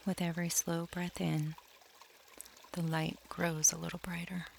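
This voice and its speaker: A man leading a scripted guided meditation, talking slowly and softly and drifting into near-whispers, with faint trickling water behind him. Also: on the high side, completely flat delivery, vocal fry, slight background noise. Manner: slow, soft and soothing, drifting into near-whispers.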